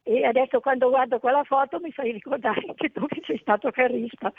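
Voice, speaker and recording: A woman's voice: high voice, fairly quick, breathy edge, no echo. A woman in her seventies calling in to a radio show over the phone, chatty and drifting off topic. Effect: heard over a phone line. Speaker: radio caller. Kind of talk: chatty reminiscing call-in. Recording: dry tinny phone line.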